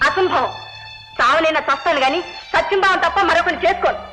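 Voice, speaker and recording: A woman's voice: very high voice, fast talker, over loud music, poor audio. A young woman playing a lovesick, distraught daughter who protests in pleading tones, in a 1970s film. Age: young adult. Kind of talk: 1970s Telugu film acting.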